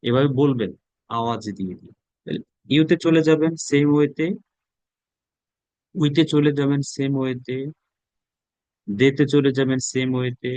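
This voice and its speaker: A man's voice: mid-range voice, normal speed, pauses often, darkish tone, clear, resonant tone, no echo, rough recording. Bangladeshi man teaching spoken English. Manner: drills words aloud, repeating them, mixing in English. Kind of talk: classroom lesson.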